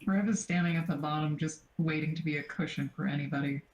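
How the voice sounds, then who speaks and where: A woman's voice: low-pitched, steady tone, quick pace, a little mellow. A woman playing a tabletop game who dryly narrates what her character does. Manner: dry, describes her character's actions. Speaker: player. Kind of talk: casual tabletop play. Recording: roomy sound with faint noise.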